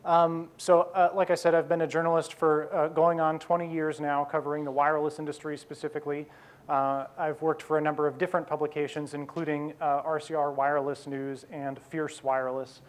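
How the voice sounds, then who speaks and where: A man in his forties giving a conference keynote, quick and self-deprecating, with many fillers and restarts. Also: a little high. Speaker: keynote speaker. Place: conference hall.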